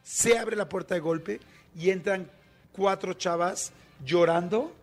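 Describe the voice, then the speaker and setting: A man's voice: high voice, slow pace, faint music behind. A man with a Mexican Spanish accent, hosting a radio show and telling a vivid anecdote in a chatty, casual way. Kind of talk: casual on-air storytelling.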